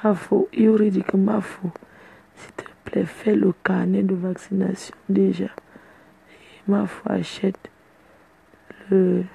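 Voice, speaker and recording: A woman's voice: mid-range voice, little pitch movement, takes it slowly, gravelly, mellow, breathy edge, low-quality recording. A woman chatting casually to her fans in a playful, boastful way. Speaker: social media personality addressing fans. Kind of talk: casual live video chat.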